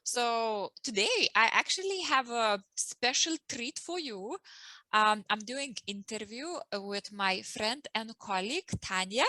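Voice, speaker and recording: A woman's voice: fairly high pitch, animated, a little slow, pushed and bright, dry recording, poor audio. A woman hosting an interview and introducing her guest, in casual speech with ums, restarts and slightly non-native phrasing. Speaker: host and emotional well-being coach.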